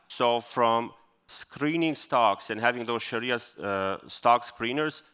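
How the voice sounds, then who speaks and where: A man from Bosnia answering a question as a conference panelist, in a measured, explanatory way. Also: mid-range voice, sharp tone.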